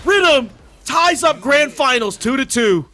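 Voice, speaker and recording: A young man calling a fighting game match live as play-by-play commentator, excitable and rapid, breaking into shouts at big moments. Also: extremely high pitch. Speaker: esports commentator.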